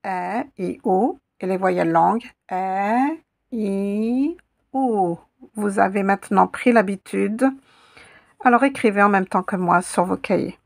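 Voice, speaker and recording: In a slow, step-by-step lesson, a woman with a medium-pitched, gravelly voice teaches an Arabic letter, patiently repeating the sounds for her students.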